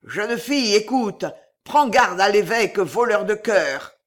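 A woman's voice: mid-range voice, animated, unhurried, natural voice. A woman voicing a haunted madwoman. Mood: brooding. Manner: hollow, muttering.

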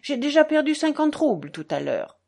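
A woman's voice: high voice, very animated, normal speed, gravelly, a little mellow, pitched above the performer's own voice, exaggerated voice. A woman reading a novel aloud, voicing an indignant young man who speaks raised and insistent.

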